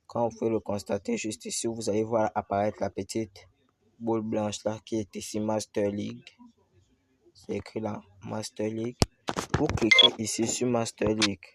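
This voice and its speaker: A man walking viewers through a video game menu step by step, slowly and with lots of repetition. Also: on the low side, gravelly. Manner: slow step-by-step explaining, repeats himself. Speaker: gaming tutorial host. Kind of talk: screen-recorded game tutorial. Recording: loud background noise.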